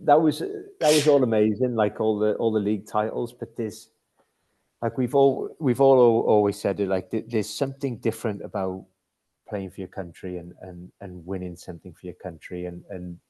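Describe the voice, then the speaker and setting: A man chatting casually as a hockey-playing guest, haltingly, often repeating words before he finishes. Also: fairly low pitch, fairly even intonation, dark tone. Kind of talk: casual chat.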